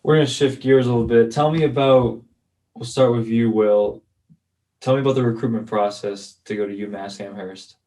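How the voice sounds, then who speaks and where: A man's voice: medium pitch, steady tone, normal speed, mellow. A man hosting a casual interview, asking direct questions in a friendly way.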